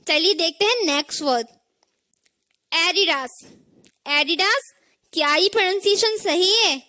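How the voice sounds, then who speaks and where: A woman tutoring English pronunciation in a very high voice. Her tone is bright and sharp. She quizzes the listener and drills each word slowly in a switch between Hindi and English. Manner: drills words slowly, asks learners to repeat. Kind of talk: scripted pronunciation lesson.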